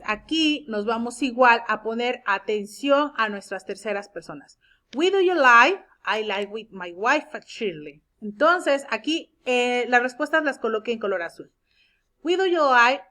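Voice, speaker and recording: Slow, bright-voiced teacher woman. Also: fairly high pitch. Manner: explains step by step, checks with "¿de acuerdo?"; reads English examples slowly and clearly. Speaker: English teacher. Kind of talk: recorded grammar lesson.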